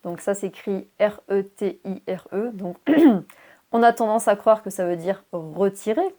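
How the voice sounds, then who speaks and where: A young woman teaching English in a casual video lesson, spelling words letter by letter and adding little fillers, her voice a bit worn as she clears her throat. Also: mid-range voice, measured pace, mellow.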